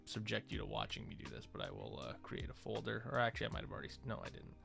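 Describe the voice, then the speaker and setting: A male streamer and visual artist muses aloud in hesitant fragments, casually narrating his on-screen work during a livestream. His low, creaky voice races along with wildly swooping pitch, heard over music.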